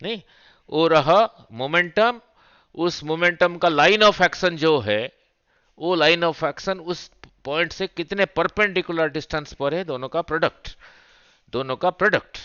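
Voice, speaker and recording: A man's voice: fairly high pitch, measured pace, bright, forceful tone, clear, resonant tone, no echo, lo-fi sound. A man teaching physics revision in Hindi mixed with English terms, quizzing his students with repeated checks as he works through diagrams. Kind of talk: fast exam revision lecture.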